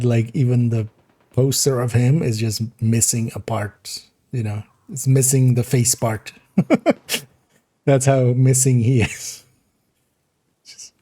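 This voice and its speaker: Rambling man with a mellow voice. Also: mid-range voice. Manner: rambling, giggly, restarts sentences often. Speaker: game streamer. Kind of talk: casual gameplay commentary.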